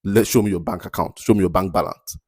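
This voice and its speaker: A man in his thirties hosting a podcast, speaking in a motivational monologue, repeating key phrases and slowing down to stress his points. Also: low-pitched, darkish tone, no room sound. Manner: repeats key phrases, asks "you understand?". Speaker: podcast host.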